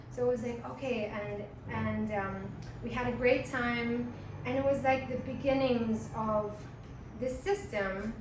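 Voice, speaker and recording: A woman from Hong Kong teaching a workshop, chatting casually with lots of fillers like um and like. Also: on the high side. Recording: echoey room, far mic, audible noise.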